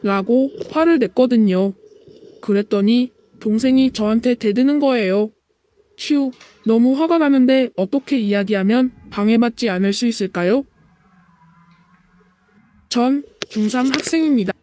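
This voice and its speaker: A woman's voice: fairly high pitch, a little slow, warm tone, dry recording, lightly acted. A woman reading the letter of a ninth-grade student troubled by a noisy younger sibling.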